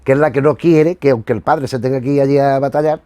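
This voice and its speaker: Dark-toned and steady, this man's medium-pitched voice moves at a quick pace with no room sound. He's the middle-aged host of a retro TV review show, speaking with an accent from Spain in loose, rambling commentary where he keeps correcting and repeating himself to stress points.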